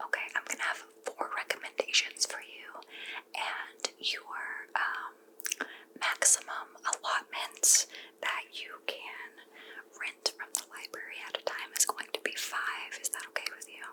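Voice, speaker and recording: Slow, whispering woman in librarian role-play. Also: low-quality recording. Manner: soft library whisper, gentle and unhurried. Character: helpful goth librarian recommending books. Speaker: librarian in a point-of-view roleplay.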